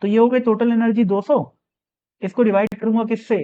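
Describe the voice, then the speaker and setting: Man, physics teacher, high voice, smooth and clear, lo-fi audio, casual step-by-step explaining. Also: little pitch movement, dark tone. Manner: explains step by step, reads question slowly in English, asks and answers himself. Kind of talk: exam problem walkthrough.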